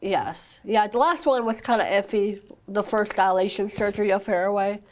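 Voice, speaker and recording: A woman's voice: mid-range voice, normal speed. Earnest young mother, filler-heavy talk. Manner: earnest, many fillers like "I mean" and "you know". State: recovering from illness, occasional cough. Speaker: guest, mother of a child with a rare condition. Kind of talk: podcast interview.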